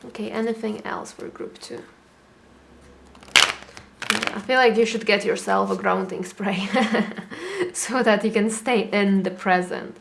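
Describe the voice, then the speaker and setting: A chatty young woman talks through a tarot reading in a loose, animated way. She slips into quick little voices for the people she is reading for, then settles back into her everyday conversational tone. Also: mid-range voice, gravelly, heavy background noise. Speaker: tarot reader. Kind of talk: casual tarot reading to camera.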